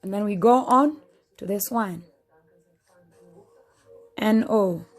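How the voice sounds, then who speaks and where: A woman teaching a phonics lesson, slowly sounding out letters and repeating words. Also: mid-range voice. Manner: slow, patient, repeats sounds aloud.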